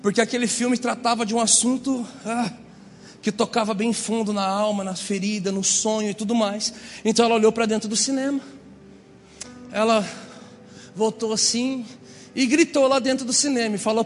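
A Brazilian man preaching a lively, humorous sermon, acting out the voices in his stories. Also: high voice, brisk, long reverb tail, slight background noise. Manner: animated, acts out quoted voices. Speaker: pastor. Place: church hall.

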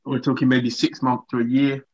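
A man's voice: mid-range voice, flat delivery, normal speed, a little mellow, dull audio. A man in a casual discussion, reasoning aloud somewhat hesitantly.

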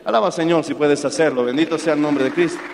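A man's voice: on the high side, steady tone, quick pace, darkish tone, a little hiss or hum. A middle-aged man from Peru preaching a sermon, telling anecdotes and calling his listeners brother. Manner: storytelling, addresses listeners as brother. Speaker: pastor. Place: church. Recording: long hall reverb.

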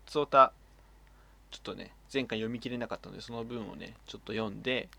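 A man's voice: lowish voice, fast, creaky, pushed and bright, a little hiss or hum. A man co-hosting a casual podcast chat, reading listener mail aloud and laughing often. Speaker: podcast co-host.

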